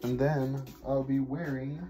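A young man chatting casually in a vlog, excited and rambling with lots of fillers. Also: medium pitch, a little slow, music in the background. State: sleepy, just woken up. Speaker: vlogger.

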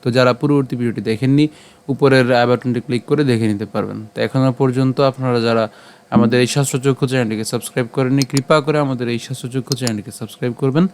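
A man teaching Sanskrit pronunciation, patiently repeating each word slowly. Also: mid-range voice, steady tone, darkish tone, slight background noise. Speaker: Gita recitation teacher.

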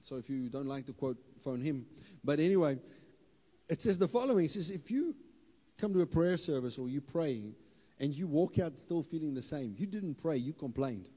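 A South African pastor preaches from a church hall stage into a handheld mic, his fairly high male voice moving at a moderate pace. He is animated and playful, swelling into loud, emphatic bursts before the audience, and the live PA carries heavy hall reverb.

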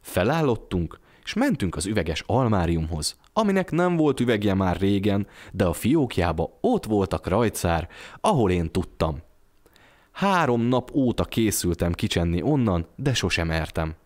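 A man telling a classic short story aloud in a lively, expressive narration for an audio storybook. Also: lowish voice.

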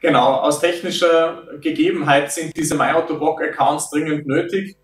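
Man on a distant, roomy video call. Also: fairly high pitch. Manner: measured, with frequent filler sounds. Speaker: product developer. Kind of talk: explaining in an interview. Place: office meeting room.

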